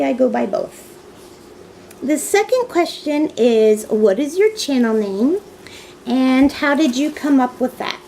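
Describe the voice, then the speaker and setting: A woman in her thirties from Canada, chatting casually as she answers a video tag, soft-spoken and rambling. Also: a little high, slight background noise, low-quality recording. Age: 30s. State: tired. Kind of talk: casual chat.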